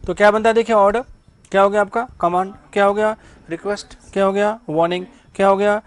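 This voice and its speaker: A man's voice: sits high, fairly even intonation, fast. A man teaching English grammar to a class. He keeps asking the students questions and then answers them himself.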